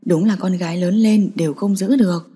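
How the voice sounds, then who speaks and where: Give me a soothing middle-aged mother voiced by a woman narrator, slow, soft and warm-toned. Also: lowish voice, steady tone, slightly rough.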